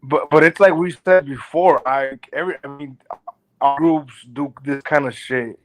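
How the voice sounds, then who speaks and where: Guy calling in, mic all choppy and robotic sounding, stop-start casual talk. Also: steady tone. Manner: halting, restarts sentences. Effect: choppy low-quality robotic mic sound. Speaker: co-host calling in remotely. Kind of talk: casual chat. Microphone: online call mic.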